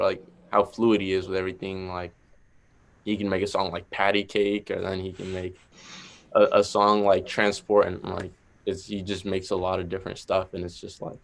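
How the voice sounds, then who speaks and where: A young man with a Boston accent, a rapper guest talking casually and rambling with lots of fillers. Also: low voice. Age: young adult. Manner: laid-back, rambling with many fillers. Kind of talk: casual interview chat.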